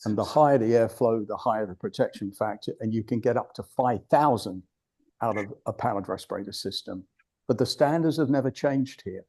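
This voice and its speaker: An older British man, a guest speaker at a club, gives an informal presentation in a mellow, medium-pitched voice. He's blunt, tends to digress, and often restarts what he's saying.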